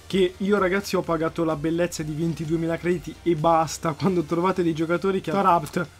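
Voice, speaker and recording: A young man still in school, commentating his own football video game match at home at night. He talks excitably, repeats phrases and bursts into shouts whenever a goal goes in. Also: fairly high pitch, quick pace. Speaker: gaming YouTuber.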